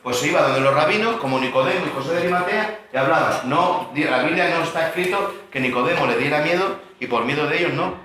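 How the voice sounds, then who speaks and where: A man's voice: fairly high pitch, fast talker, few pauses, sharp tone, slight background noise. A male pastor giving a Bible study lesson, explaining words and quizzing his listeners. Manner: explanatory, asks the audience questions. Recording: very echoey room.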